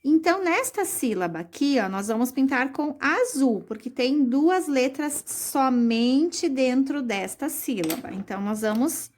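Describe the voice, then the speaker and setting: A woman teaching young children a recorded lesson, explaining slowly and patiently, with many diminutives. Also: high voice, animated, darkish tone. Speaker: primary school teacher.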